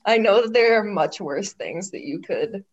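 A young woman in her twenties co-hosting a casual chat, blunt and expressive, swearing freely. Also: mid-range voice, normal speed, muffled recording. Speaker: podcast co-host.

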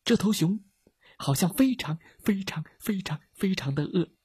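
A man voicing an excitable male rabbit who reads eagerly from his book in a children's story. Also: a little high, a little slow, husky, no echo, studio quality, voice pushed up, heavily acted. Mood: hushed. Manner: reads loudly and dramatically from his book, drops to a whisper when hushed.

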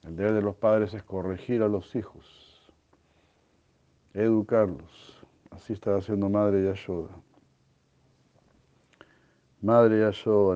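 A man telling a devotional story as a religious lecture, speaking slowly and deliberately, often clearing his throat and asking "¿no?". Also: on the low side, mellow. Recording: dull lo-fi recording.

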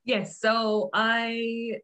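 A woman's voice: a little high, completely flat delivery, very slow, pushed and bright, low-quality recording. A woman in her thirties with an Irish accent, a guest on a casual podcast, who talks candidly, mocks herself and laughs often. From Ireland. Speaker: guest life coach.

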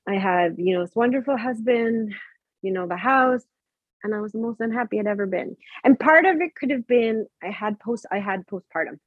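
A woman in her thirties telling a candid personal story in a podcast conversation, animated, acting out remembered dialogue. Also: fairly high pitch, normal speed, slightly rough, no room sound, narrow, tinny audio. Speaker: podcast guest.

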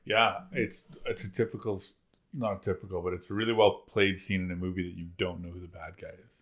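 Man, podcast guest, very low voice, casual chat, rambling, many restarts. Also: fairly even intonation, brisk, a bit bright. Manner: rambling, restarts often, uses lots of filler.

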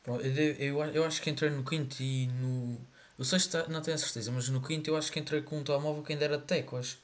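A man's voice: on the high side, steady tone, quick pace. A young man with a European Portuguese accent, chatting informally in slang as a podcast co-host. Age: young adult. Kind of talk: casual chat.

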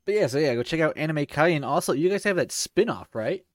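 A man's voice: a little high, lively intonation, fast. A man hosting a podcast in laid-back casual chat, swearing now and then. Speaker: podcast host.

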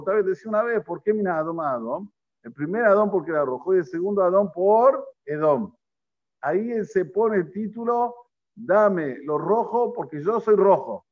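A rabbi with a Rioplatense Spanish accent teaches a Torah class in a slightly high, animated voice. He keeps turning to his students with questions and acts out the quoted lines. The recording is dull and lo-fi. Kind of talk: lively Torah lesson to a group.

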